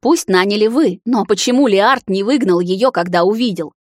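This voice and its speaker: A woman's voice: mid-range voice, brisk, no echo, studio quality, lightly acted. A woman playing a furious betrayed heroine. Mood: angry. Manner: snarling, threatening.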